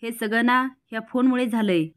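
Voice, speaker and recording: A woman's voice: on the high side, moderate pace, close to an everyday voice. A woman voicing a scheming defensive girl.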